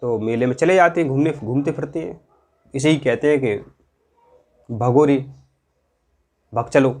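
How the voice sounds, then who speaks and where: A man's voice: mid-range voice, a little slow, darkish tone. A man teaching an exam-prep lesson, asking questions aloud and repeating the answers in a colloquial way. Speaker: quiz teacher.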